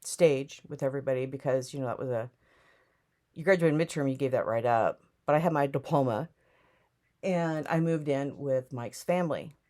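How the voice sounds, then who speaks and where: A woman's voice: very deep voice, moderate pace, a little mellow. A woman, casually telling a personal life story in a rambling, reflective way. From Newton, Iowa, USA. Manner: rambling, reflective, often drifting back with "anyway". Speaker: storyteller recounting her life.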